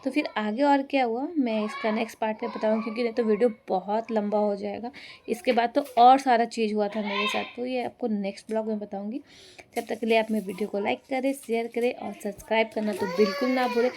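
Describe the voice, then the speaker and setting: A woman's voice: on the high side, fairly even intonation, fast, noisy background. Chatty young woman telling a story. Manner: chatty, rambling retelling with fillers. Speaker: vlogger. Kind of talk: casual storytelling vlog.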